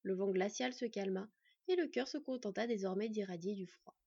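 A woman reading a fantasy novel aloud in an expressive storytelling way, in a dull, dry recording. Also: mid-range voice, a little fast, gravelly, husky, dry recording. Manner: expressive storytelling, acting out the characters. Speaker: audiobook narrator.

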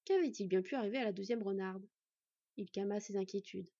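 A woman narrating a fantasy story in an even, measured reading. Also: mid-range voice, no room sound. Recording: dull, dry recording.

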